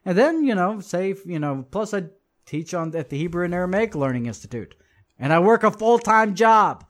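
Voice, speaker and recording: A man with a voice pitched a little above the usual leads a lesson, reading passages aloud and breaking off to comment on them. He talks emphatically and often repeats a phrase for stress, turning to address his listeners directly. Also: sing-song, moderate pace. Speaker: religious teacher.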